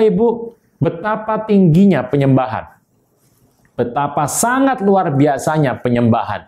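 Guy preaching online, kinda high voice, keeps talking right to the viewers. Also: dark tone. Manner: emphatic, repeatedly addresses the audience directly. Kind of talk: online sermon teaching.

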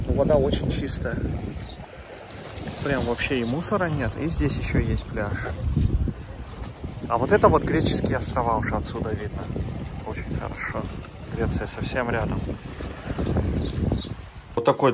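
A man's voice: mid-range voice, very noisy. A man narrating his travel vlog while walking around with a phone, chatting to viewers as friends with plenty of fillers. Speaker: travel vlogger. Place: outdoors and in hotel rooms, walking with a phone.

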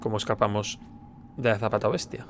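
A man's voice: fairly low pitch, steady tone, a little fast, slight background noise. A man playing a horror game, muttering tensely and yelping when scared. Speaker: gaming streamer. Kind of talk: let's play commentary.

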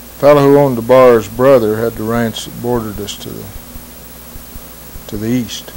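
A middle-aged man from behind a light layer of hiss speaks in a plainspoken cowboy twang of the American West, at a medium pitch. He tells stories and recites rhymed verse as a cowboy poet, on what sounds like old home video. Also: flat delivery, normal speed, vocal fry, a little mellow, poor audio. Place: small wood-panelled room indoors.

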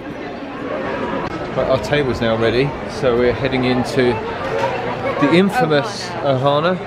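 A middle-aged man narrating a casual vlog while walking through a resort. He talks in an enthusiastic, chatty way and often trails off with fillers. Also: medium pitch. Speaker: vlogger, dad. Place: busy resort lounge and restaurant indoors. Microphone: handheld camera. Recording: loud crowd and room noise.

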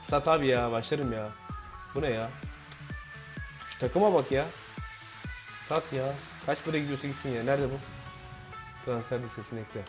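A man commentating his own football video game, frustrated, shouting and swearing at his players. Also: mid-range voice, moderate pace, long pauses, music in the background. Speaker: gaming YouTuber.

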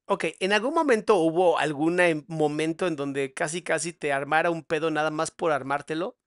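A man hosting an interview as a therapist, calmly asking empathetic questions. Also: a little high, moderate pace. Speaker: host, therapist.

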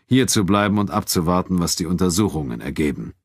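A composed, cold male official from a spoken storybook, as a man reads him. His voice sits higher than the reader's very deep narration, yet stays controlled and level in tone. The sound is dry and close, with no room around it. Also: husky, dry recording. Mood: calm firm. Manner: calm, measured, quietly firm.

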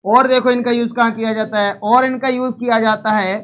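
A man's voice: extremely high pitch, fairly even intonation, normal speed, a bit bright. A man teaching a live online chemistry lesson, repeating each point and quizzing students.

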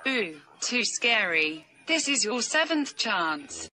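A woman's voice: fairly high pitch, very animated, slow pace, loud music behind the voice. A woman acting out a computer error character, threatening and growling, speaking in broken, simple English. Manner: threatening, counting down warnings with growls. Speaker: VTuber.

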